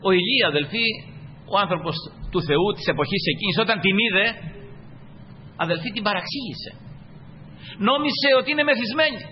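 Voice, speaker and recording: This sermon comes from a man with a high voice and lively intonation, who leaves long pauses as he emphatically and repeatedly addresses the brothers. It was captured as a dull, echoey hall recording with slight hiss or hum.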